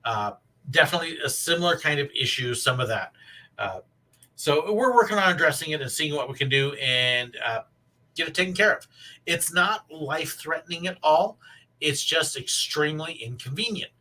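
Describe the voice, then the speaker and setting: Wheezy, out-of-breath man with a bright, raspy voice. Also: a little high, expressive, moderate pace, distant mic, low-quality recording. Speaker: live stream host. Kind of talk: casual rambling livestream chat to viewers.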